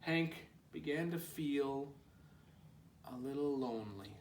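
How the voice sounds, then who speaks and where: This storytime host, a preschool teacher, has a medium-pitched, darkish voice and takes his time. He reads a picture book to children with plenty of expression, tossing in small comments for them. The distant mic picks up roomy echo and a slight hiss or hum.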